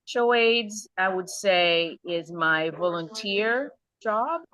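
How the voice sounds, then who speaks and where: A middle-aged woman from Haiti, answering interview questions earnestly and thoughtfully, often pausing to rephrase. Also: mid-range voice, expressive, bright, forceful tone, dry recording. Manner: earnest, thoughtful, with light laughs and restarts. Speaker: nonprofit founder and program director.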